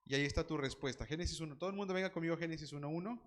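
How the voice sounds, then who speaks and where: A man's voice: a little high, very fast. A man teaching a Bible class, quizzing students by name and joking with them.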